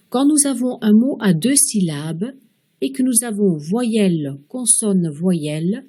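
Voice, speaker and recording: Woman, language teacher, unhurried step-by-step explaining, mellow tone, breathy edge. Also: mid-range voice. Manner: clear step-by-step explaining, slowing down to model example words. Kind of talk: slow, careful pronunciation lesson.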